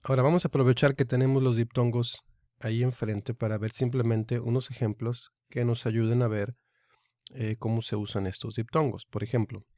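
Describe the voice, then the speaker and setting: A man teaching a recorded online Greek lesson, speaking slowly and deliberately and repeating each sound aloud. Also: mid-range voice, steady tone, dark tone, no echo, studio quality.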